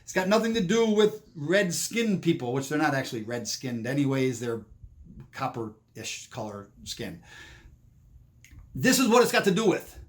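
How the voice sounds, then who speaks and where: A man's voice: a little high, sing-song, normal speed. A man giving a rambling monologue commentary, often restarting and repeating himself.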